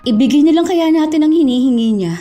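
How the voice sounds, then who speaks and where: A hurt young daughter played by a woman who speaks politely and softly, with sadness weighing on every line. Her voice sits a little high, with faint music behind. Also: animated, fast. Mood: sad. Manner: polite, soft-spoken, sad. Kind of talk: Tagalog audio drama acting.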